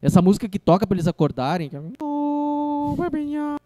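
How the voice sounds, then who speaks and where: A man's voice: sits high, very fast, warm tone. A man co-hosting a podcast, explaining film details in a chatty way, often restarting his sentences. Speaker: podcast co-host. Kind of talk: casual film discussion.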